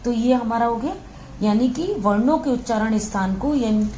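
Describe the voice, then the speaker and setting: A woman teacher walks her listeners through a lesson, pausing to sound out each letter and asking if they follow. Her voice is mellow and soft-edged. A faint hum of room noise sits behind her. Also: on the high side. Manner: patient, repetitive, checks in with "ठीक है" often; models sounds slowly and aloud. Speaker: Hindi grammar teacher. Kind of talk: classroom lesson explanation.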